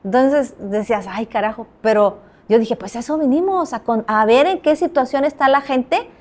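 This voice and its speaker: Mexican woman, journalist guest, slightly high voice, animated storytelling. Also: normal speed. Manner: animated storyteller, acts out quoted dialogue. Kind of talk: anecdotal interview talk.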